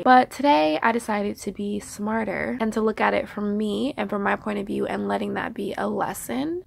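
A woman's voice: medium pitch, creaky, no room sound. A young woman vlogging to camera in a candid, ranting way, acting out bits of her conversations. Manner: candid, rant-like, acts out her exchanges in quoted voices. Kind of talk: casual talking-to-camera vlog.

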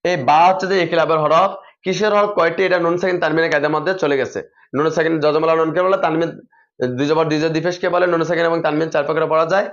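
Guy rattling off reading drills for teachers, quick and kinda high, dull lo-fi sound. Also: steady tone. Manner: methodical, repeats spelling drills in set patterns. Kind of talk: instructional explanation for teachers. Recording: dull lo-fi recording.

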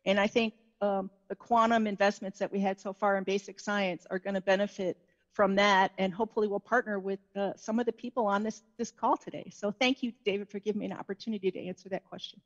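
A woman speaking earnestly as a panelist on a video call through a headset, deliberate with some fillers. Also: medium pitch, steady tone, no echo, dull audio. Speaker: panelist, science agency director. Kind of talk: panel discussion remarks.

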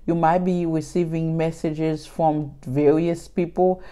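A woman with a low, mellow voice gives a casual tarot reading to camera. She talks chattily, circling back over the same points and addressing her viewers directly. Her tone stays relaxed and warm-toned throughout. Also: slow pace. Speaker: tarot reader.

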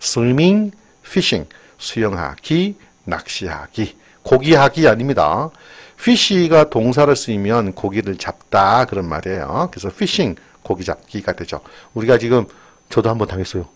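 A man's voice: on the low side, very animated, unhurried. An older man giving a chatty exam-prep English lesson, drifting into personal asides. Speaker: English teacher.

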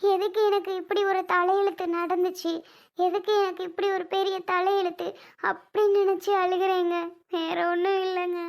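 A woman's voice: very high voice, flat delivery, normal speed. A woman voicing a heartbroken young woman who talks in a weepy, pleading, self-pitying way. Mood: tearful.

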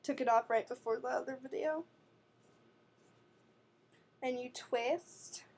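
High-pitched, breathy, and darkish, this teen girl's voice moves slowly. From New York City, she vlogs a casual skin product review from her bedroom at night on a desk webcam, her talk rambling and chatty with many fillers and self-corrections.

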